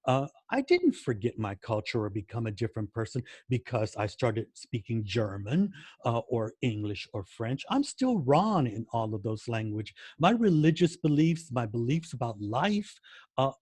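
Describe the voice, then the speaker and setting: An American man talks through interview answers in an easy, conversational way. He fills gaps with "uh" and restarts his phrases, and he repeats words to stress a point. His voice sits in a middle pitch and sounds dry and close to the mic. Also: very animated, normal speed, a little mellow, slightly rough, dry recording. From United States. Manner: many fillers and restarts, repeats words for emphasis. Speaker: guest language educator.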